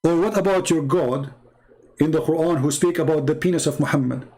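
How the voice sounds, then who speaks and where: A man hosts a live-stream religious debate online, reading viewer comments aloud and firing back in combative, mocking, non-native English. His voice runs on the high side and mellow, and he talks fairly quickly.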